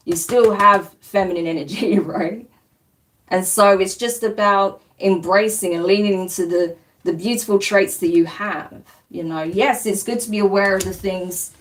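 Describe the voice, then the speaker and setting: On a live stream, an English spiritual reader from London, her accent carrying a slight New Zealand twang, reassures viewers through a collective tarot reading and keeps asking "okay?" and "right?". Her voice is lowish, and the audio is poor, picked up by a distant mic.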